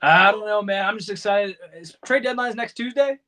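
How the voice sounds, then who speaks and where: A man with a fairly high voice co-hosts a relaxed sports podcast. He is chatty and quick to joke. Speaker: podcast co-host. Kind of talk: casual fantasy baseball chat.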